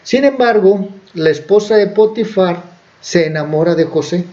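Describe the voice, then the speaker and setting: A man's voice: sits high, animated, moderate pace, warm tone. A man preaching, who retells a Bible story in a conversational way with fillers and self-corrections. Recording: dull lo-fi recording.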